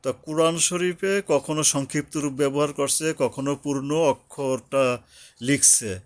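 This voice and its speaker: A man's voice: fairly high pitch, unhurried, dry recording. A man teaching tajweed, patiently explaining letters and pronunciation, repeating his points and breaking into chanted recitation. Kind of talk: slow tajweed lesson with Bengali explanation.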